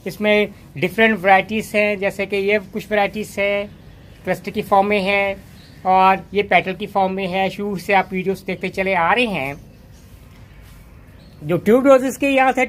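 A man's voice: sits high, fairly bright tone. Rambling man showing his garden. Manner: rambling, with frequent restarts and cut-off words. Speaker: gardening channel host. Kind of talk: casual gardening walkthrough. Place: outdoors on a rooftop garden.

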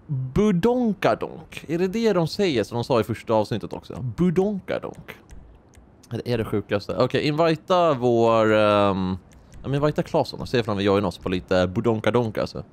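Hosting a gaming channel, a man in his twenties commentates on gameplay casually and excitably, joking and rambling while he plays. His voice sits in the mid range.

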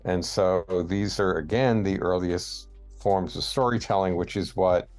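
A man giving a slow, hesitant lecture over slides, with many pauses and fillers. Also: sits low, a little mellow, soft background music. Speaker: guest lecturer.

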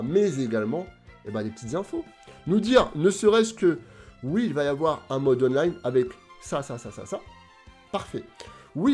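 Chatty French man hosting a video. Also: fairly high pitch. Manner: chatty, animated, addresses viewers directly. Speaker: YouTube host. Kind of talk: casual video commentary.

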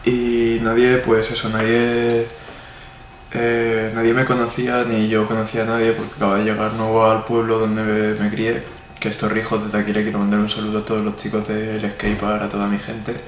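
This Spanish man in his twenties, an artist, answers interview questions in a rambling way packed with fillers. His voice is on the low side, monotone and fairly quick. He's in an indoor room, and the recording is echoey and noisy.

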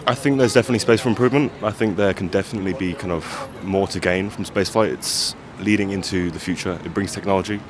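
Deep-voiced young man, street noise. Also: quick pace, few pauses, crowd noise. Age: young adult. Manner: thoughtful, a little tentative. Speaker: passer-by. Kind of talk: casual street interview. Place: busy city street outdoors.

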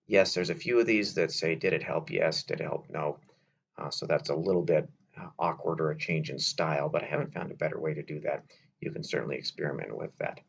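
A man walking through a software tutorial step by step, in a relaxed way with filler words, over a slightly dull recording with faint noise. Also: rumbling low, a little fast, gravelly, slightly rough. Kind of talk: screen-recorded software walkthrough.

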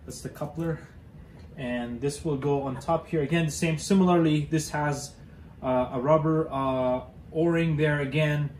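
A man's voice: fairly high pitch, fairly even intonation, unhurried, darkish tone, echoey room, slight background noise. A young man hosting a casual how-to demonstration, talking hesitantly with many fillers and restarts while he works with his hands in a cluttered garage. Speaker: DIY car channel host.

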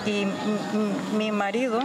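An older woman from Panama speaks in a deliberate, halting way, stopping now and then to search for words. Her voice sits at an ordinary pitch. The interview was recorded outdoors with clear background noise. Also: level tone. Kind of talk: interview testimony. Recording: noisy field recording.

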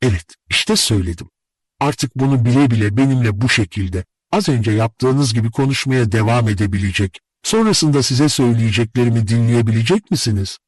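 A man's voice: mid-range voice, fairly quick, husky, no room sound, lightly acted. A man voicing a lonely, lovesick young man in an audiobook, speaking earnestly and imploringly. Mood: confessing. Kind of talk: audiobook character reading.

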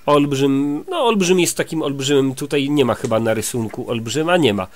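A man reading a children's story aloud to a child, stopping gently to explain words. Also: mid-range voice, lively intonation, moderate pace. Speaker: reader to a child.

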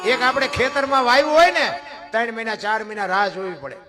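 A man's voice: very high-pitched, quick pace. A man giving a devotional sermon, telling a saint's story in a folksy way and voicing its characters. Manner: folksy, addresses listeners as bapu, voices characters in stories. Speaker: spiritual storyteller. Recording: music playing behind.

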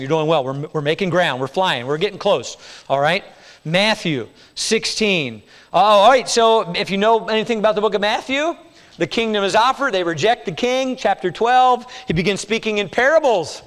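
A male pastor with a high, light voice works through scripture in a sermon, shifting from quiet, low asides to raised, emphatic points. His voice carries a long reverb from the church sanctuary around him. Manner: expository preaching, swinging between hushed low lines and raised emphatic ones.

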